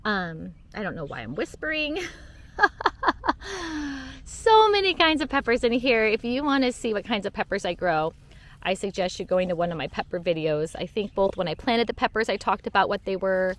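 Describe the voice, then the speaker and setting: A woman's voice: medium pitch, fairly quick. Bubbly woman touring her garden. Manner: chatty, bubbly, laughs at her own slips. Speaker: garden vlogger giving a tour. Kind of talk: casual walk-and-talk garden tour. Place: outdoor vegetable garden.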